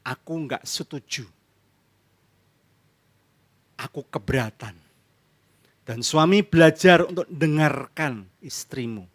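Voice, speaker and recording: Male pastor, Indonesian accent, fairly high voice, lively question-and-answer preaching with acted-out domestic exchanges. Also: slow, pauses often. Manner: lively, asks the congregation questions and answers them himself; mixes in English phrases and acts out couples' arguments. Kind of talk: sermon. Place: church service.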